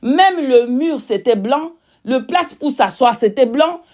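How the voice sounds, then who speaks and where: A woman's voice: sits high, lively intonation, a little mellow. Woman testifying in foreign-accented French, emphatic and repetitive. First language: not French. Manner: emphatic, repetitive, pausing to search for words. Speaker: religious witness giving testimony.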